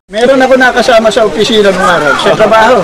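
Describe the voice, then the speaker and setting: A man with a Filipino accent telling jokes in a lively, casual way, acting out the people in his stories. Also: high-pitched, fast, background noise. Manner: animated storytelling, acting out quoted characters. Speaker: joke teller.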